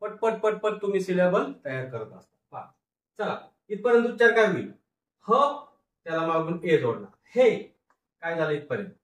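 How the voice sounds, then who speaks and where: A male teacher with a Marathi accent giving a phonics reading lesson, drawing out syllables slowly and asking questions that he answers himself. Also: sits high, very animated, roomy sound, far from the mic. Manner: slow, drawn-out syllables, repeats and drills words.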